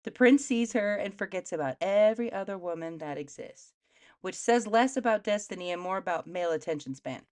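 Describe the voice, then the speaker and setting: Woman, comic storyteller: dry sarcasm, slangy, animated melody, mid-range voice. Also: medium pitch. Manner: sarcastic, slangy, quick asides. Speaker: comedic storyteller. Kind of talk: sarcastic comedic retelling of a fairy tale.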